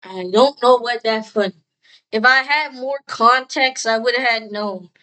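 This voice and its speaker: A woman with a high voice talks at an unhurried, slow pace. She rambles through casual reaction commentary like a video creator, using slang and drifting into mock-exasperated rants. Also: sharp tone, rough recording.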